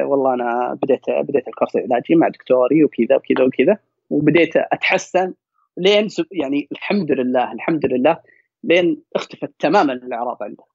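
Fast emphatic Saudi man. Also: medium pitch, gravelly, a little mellow, slightly rough, no echo. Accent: Saudi Gulf Arabic. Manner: fast, emphatic, repeats words for stress. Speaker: podcast guest. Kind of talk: casual storytelling and advice. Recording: dry, dull lo-fi sound.

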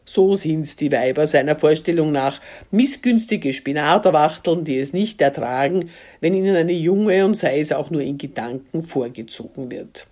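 Woman columnist, dark mellow voice, dry wry reading of her own text. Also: low voice, moderate pace.

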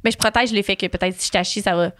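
A woman with a Quebec French accent, co-hosting a podcast in casual, animated chat, with a fairly high voice. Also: very fast. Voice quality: high-pitched voice. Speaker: podcast co-host. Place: podcast studio.

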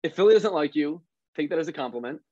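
Man, fairly high voice, from Philadelphia, earnest explainer, dull muffled audio. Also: animated, dark tone, no room sound. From Philadelphia, USA. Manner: earnest, explanatory, quick self-corrections. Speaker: sports researcher, guest. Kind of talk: casual interview chat.

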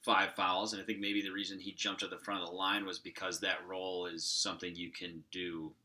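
Guy talking hoops on a podcast, lowish voice but real bright, lots of "i think" and "um". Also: little pitch movement, fairly quick. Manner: analytical, lots of hedging fillers. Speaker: podcast co-host. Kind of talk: casual sports chat.

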